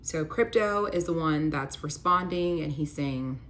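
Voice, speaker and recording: A woman's voice: deep voice, unhurried, a bit bright. A woman telling a personal story in a candid, conversational way, with many casual fillers.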